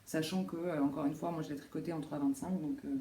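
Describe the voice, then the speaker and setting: A woman's voice: low-pitched, fairly even intonation, fast, dark tone. A woman vlogging casually about her knitting, rambling with lots of fillers and correcting herself as she goes. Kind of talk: casual show-and-tell chat. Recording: roomy echo, faint background noise.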